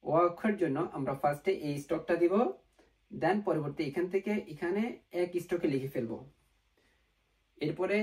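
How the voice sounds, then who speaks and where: A man's voice: on the high side, darkish tone, recorded from a distance. A man teaching an online language lesson, patiently going step by step and repeating each sound, with English words mixed into his explanations.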